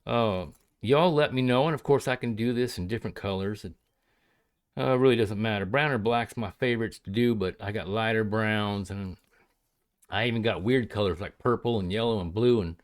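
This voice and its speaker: A man chatting casually to viewers as a hobbyist crafter, in a folksy, hesitant, rambling way. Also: fairly low pitch. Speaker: pipe hobbyist and leather crafter showing his work. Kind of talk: casual vlog chat to viewers.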